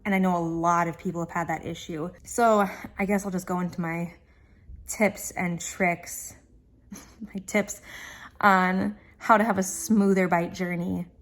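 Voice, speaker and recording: A woman's voice: lowish voice, fairly even intonation, unhurried. Casual woman vlogger with an aligner lisp. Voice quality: slight lisp from wearing dental aligners. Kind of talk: casual chat to viewers.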